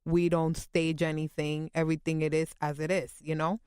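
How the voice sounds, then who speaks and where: A woman's voice: deep voice, flat delivery, normal speed, a little mellow, clean tone, no room sound, clean studio sound. A woman from New York, a guest mother on a podcast, talking candidly and chattily with many restarts. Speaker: guest, mother of a child actress. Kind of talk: casual interview.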